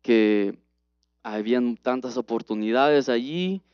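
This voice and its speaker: A man preaching a personal testimony sermon in an earnest, halting way with many restarts. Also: medium pitch, clean tone, no echo. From United States. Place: church. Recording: dull, dry livestream audio.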